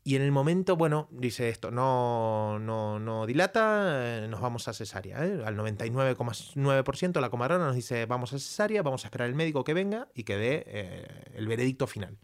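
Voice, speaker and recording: A man's voice: mid-range voice, animated, brisk, hardly any pauses. A man, co-hosting a podcast in casual chat, telling a story with restarts and acted-out voices. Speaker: podcast co-host.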